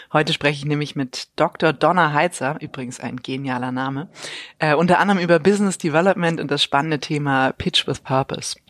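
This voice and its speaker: A woman's voice: sits low, no room sound. Podcast host: woman, conversational interviewing delivery, very little room sound.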